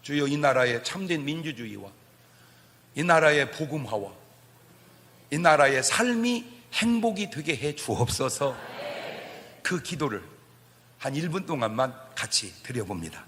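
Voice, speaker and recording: A middle-aged male pastor preaching a sermon, swinging between loud shouts and soft asides and chuckling as he tells stories. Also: fairly high pitch, big pitch swings, a little slow, long pauses, long reverb tail.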